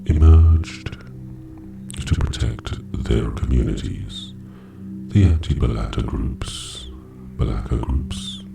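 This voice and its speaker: A man with an extremely deep, gravelly voice reads a scripted narration very slowly, in an even and measured way. He sounds distant and echoey, with music and a singing bowl playing clearly behind him. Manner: measured, even reading with long pauses. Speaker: meditation narrator.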